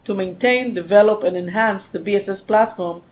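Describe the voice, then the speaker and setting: A narrow, phone-like line with faint rumbling noise carries a finance executive's voice. The delivery is formal and stiff, read from a prepared script as on an earnings call. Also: a little fast. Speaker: finance executive presenting quarterly results.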